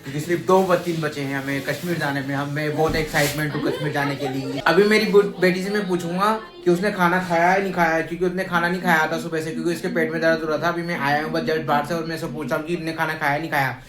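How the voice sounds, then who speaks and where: A man's voice: on the high side, steady tone, quick pace, few pauses, music in the background. A man filming a casual home vlog on a phone, chatting and playfully teasing his young daughter. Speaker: family vlogger and father.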